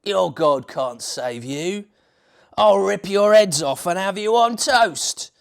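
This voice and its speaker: A man's voice: expressive, slow, vocal fry, full character voice. Man putting on Goliath, a bellowing Cockney giant. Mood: bellowing threat. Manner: shouting, taunting, booming laughter. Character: huge, terrifying, bellowing giant soldier, menacing villain.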